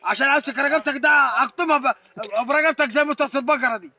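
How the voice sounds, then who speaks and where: A man playing a gruff farmer, scolding and threatening a neighbor over his clover. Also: very high voice, rapid-fire, sharp tone, full character voice.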